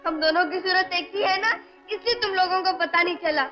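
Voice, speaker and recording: A woman's voice: extremely high pitch, steady tone, fairly quick, soft background music. An actress playing a clever, outspoken young girl in an old film, cheeky and later tearful. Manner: sharp and cheeky, then pleading and tearful. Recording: dull old film soundtrack.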